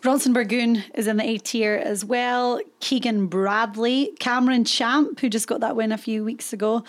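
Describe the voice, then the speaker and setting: A woman co-hosting a casual golf chat, playful and quick to laugh as she lists her picks. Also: a little high, steady tone. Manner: playful, laughs easily, rattles off names. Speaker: co-host.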